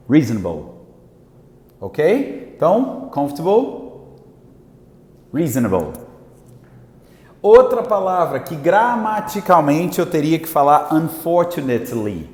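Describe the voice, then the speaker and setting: A man with a Brazilian Portuguese accent teaching an English lesson, repeating example words slowly and checking in with his viewers often. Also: on the high side. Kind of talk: language lesson at a whiteboard. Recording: echoey room with long reverb.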